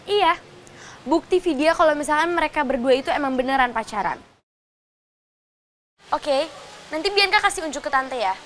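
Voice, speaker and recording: Spoiled schemer girl, super high voice, bratty, tv soap. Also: expressive, normal speed, pauses often, fairly bright tone, a little hiss or hum. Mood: wheedling. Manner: bratty, mixes English phrases. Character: spoiled scheming young woman, Bianca. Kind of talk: TV soap acting.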